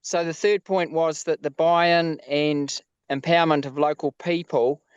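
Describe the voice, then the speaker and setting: Man, New Zealand accent, fifties, a touch high, dry dull line, buzzy glitchy video-call audio. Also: fairly even intonation, unhurried, clean tone, dry recording. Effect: buzzy, glitchy video-call audio that breaks up. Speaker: farmer making a submission. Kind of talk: reading a formal submission.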